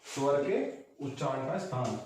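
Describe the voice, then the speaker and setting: A man's voice: medium pitch, lively intonation, moderate pace, a little mellow, very echoey, distant mic, slight background noise. A male teacher giving a patient exam-prep lesson, drawing out sounds as he explains them. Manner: explains patiently, draws vowels out long.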